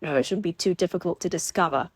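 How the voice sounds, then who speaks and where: A woman's voice: fairly low pitch, fast talker, breathy edge, dry recording. A woman voicing a frank, good-humored young lord, close to her own reading voice. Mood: jovial. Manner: frank, jovial.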